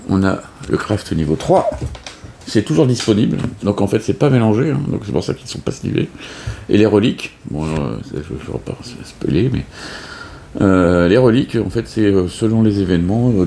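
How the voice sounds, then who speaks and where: A man's low, warm voice with vocal fry comes through over a little hiss or hum. He's a board game video host giving a casual, unplanned setup tutorial, hesitant and prone to fillers and restarts.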